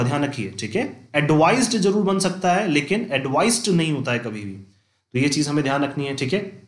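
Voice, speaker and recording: A male teacher giving an English vocabulary lesson, repeating points and slowing down to dictate example sentences. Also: on the high side, roomy sound. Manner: repeats points with "theek hai" checks, slows to dictate examples. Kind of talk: classroom-style lesson.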